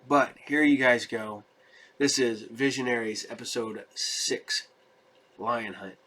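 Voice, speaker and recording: A man's voice: medium pitch, steady tone, slow pace, bright, forceful tone. A middle-aged man hosting a show, chatting informally and a bit rambling to his viewers. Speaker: host of a cartoon show. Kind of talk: casual chat to viewers.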